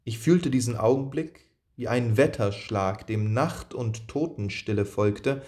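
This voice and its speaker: A man's voice: mid-range voice, a little mellow. A man reading a classic novel aloud as narrator, solemn and lyrical. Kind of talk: audiobook reading of classic prose.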